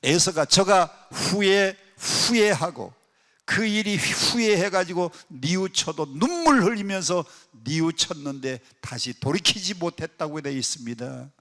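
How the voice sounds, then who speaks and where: In a prayer retreat hall with long, echoey reverb, a male pastor with a high voice preaches animatedly but unhurriedly to a congregation. He swings from loud, pressing peaks to soft asides and frequently quizzes his listeners with questions.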